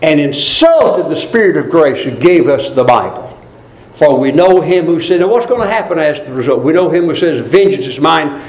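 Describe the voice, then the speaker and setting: A man delivers a sermon in a fairly high voice that leaps up on emphatic phrases and sinks low for solemn remarks. He repeats key words to drive them home. The room around him is echoey. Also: expressive, normal speed, a little mellow. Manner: swings between high emphatic peaks and low grave asides; quoted crowd voices in raised pitch. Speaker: preacher.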